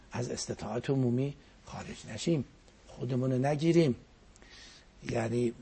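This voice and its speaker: Man, cleric, reflective religious talk, gravelly voice, very husky, quotes verse. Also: medium pitch, dark tone.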